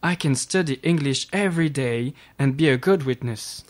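A man voicing an earnest young boy in a slow, careful read storybook. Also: medium pitch, voice pushed up, natural voice.

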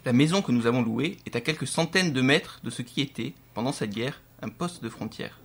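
A man playing a calm grandfather who explains things plainly. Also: mid-range voice, brisk, vocal fry, slightly rough.

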